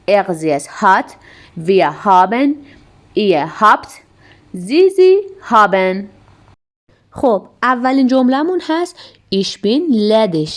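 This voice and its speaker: A woman from Iran who hosts her own language lesson channel, slowly repeating each example sentence with care. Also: medium pitch. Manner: slow careful repetition of example sentences. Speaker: German language teacher.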